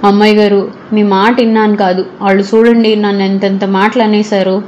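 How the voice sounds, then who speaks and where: A hurt and defiant older village woman, voiced by a woman narrator, her lines pitched a little higher than the storyteller's plain reading. She speaks with stung pride, for a spoken storybook, over faint background noise. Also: level tone, brisk, darkish tone, muffled recording, natural voice. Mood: tearful.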